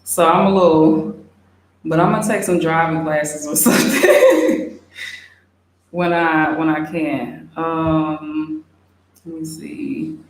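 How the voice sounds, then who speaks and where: A young woman chatting casually, reading out and answering viewer questions in a relaxed way with many fillers. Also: low-pitched, takes it slowly, pauses often. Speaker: expat vlogger. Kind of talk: casual livestream Q&A. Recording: very echoey room, faint hiss.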